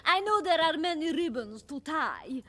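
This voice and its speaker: A woman's voice: high-pitched, expressive, normal speed, bright, forceful tone. A woman voicing a doting, cheerful spooky mother in a cartoon, affectionate and encouraging. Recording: music behind the voice.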